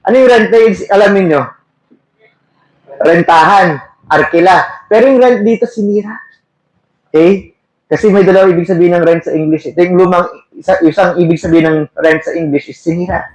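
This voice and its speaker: High-voiced preacher in an echoey room. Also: male voice, a little fast, pauses often, darkish tone. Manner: asks the audience questions, switches between Tagalog and English terms. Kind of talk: sermon with Bible reading.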